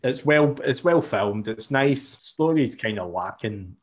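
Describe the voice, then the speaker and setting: A man's voice: medium pitch, lively intonation, measured pace. A man co-hosting a casual film podcast, talking loosely with plenty of fillers. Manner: loose, leans on "you know" fillers. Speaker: podcast co-host. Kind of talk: casual film review chat.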